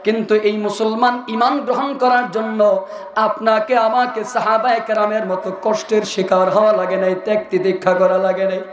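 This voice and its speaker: Male preacher, very high voice, chants and sings his storytelling sermon. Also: steady tone, moderate pace, roomy sound. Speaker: Islamic preacher. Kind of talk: sung Bengali waz sermon.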